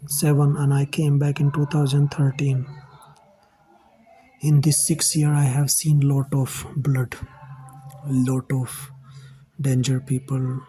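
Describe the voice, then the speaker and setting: Slow, earnest Indian English man. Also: medium pitch, warm tone, slight background noise, poor audio. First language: Hindi. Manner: halting, earnest, addresses viewers as guys. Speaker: channel host telling his own life story. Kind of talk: personal storytelling to camera.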